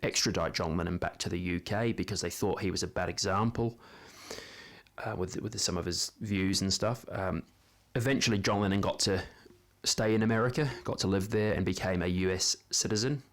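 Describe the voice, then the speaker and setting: Kiwi guy in his 40s rambling on camera, lowish voice, lots of ums. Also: fairly quick. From New Zealand. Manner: hesitant, many ums and restarts. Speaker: vlogger. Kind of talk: casual spoken monologue.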